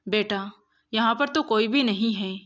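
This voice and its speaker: A woman voicing an affectionate, gently firm father in a storybook reading. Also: fairly high pitch, measured pace. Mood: coaxing. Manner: affectionate, coaxing. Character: loving father, gently firm with his son.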